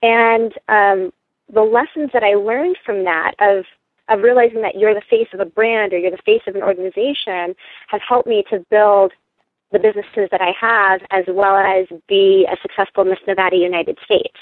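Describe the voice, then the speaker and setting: A woman's voice: medium pitch, steady tone, normal speed, no room sound. A woman in her late twenties, born in South Korea, answering interview questions over the phone in a friendly, composed way. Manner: friendly and composed, with frequent um fillers and light laughs. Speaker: guest, entrepreneur and pageant titleholder. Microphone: telephone. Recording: tinny phone line.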